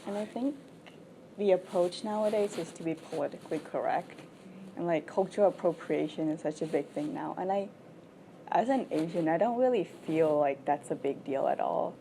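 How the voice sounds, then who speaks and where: A young woman from Thailand talks candidly in an interview, her voice a touch low and mellow. She sounds frank and chatty, dropping "like" often as she explains herself. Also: moderate pace, creaky, slight background noise. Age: 20s. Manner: frank and chatty, with frequent "like" fillers. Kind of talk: candid casual interview answers.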